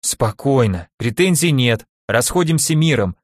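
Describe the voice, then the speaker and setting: A man's voice: medium pitch, lively intonation, unhurried, slightly rough, dry recording. A man voicing a nervous, sly teenage boy who pleads in a panic. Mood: panicky.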